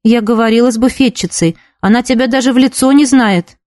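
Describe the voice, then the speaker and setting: A woman voicing a calm, firm boarding-school supervisor. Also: on the high side, a little fast, dry recording, clean studio sound, close to an everyday voice. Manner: calm, level, gently firm.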